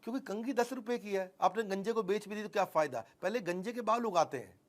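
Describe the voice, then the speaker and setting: A man with a fairly high voice leads a motivational sales seminar. He is animated and keeps quizzing his audience and acting out short dialogues as he teaches. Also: brisk. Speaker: sales trainer.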